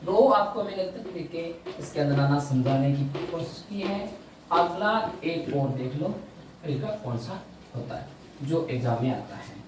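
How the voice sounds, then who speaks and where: Slow-talking male Hindi teacher. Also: a little high, lively intonation, noisy background. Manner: slow, stressing key words, repeating questions to students. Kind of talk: classroom lesson on a board. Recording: echoey room, mic far away.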